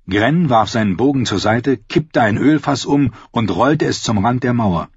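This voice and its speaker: Male audiobook narrator for fantasy, husky tone, dry close mic with a slightly dull sound. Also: medium pitch, no echo. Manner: steady storytelling with loudly shouted battle commands.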